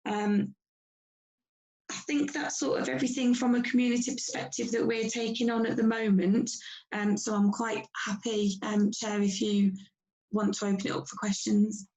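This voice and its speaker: Woman police inspector on a video call, worn out from a long shift. Even, mellow delivery. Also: mid-range voice, low-quality recording. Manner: measured, factual report with frequent pauses. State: tired after a long shift. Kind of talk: briefing a council meeting.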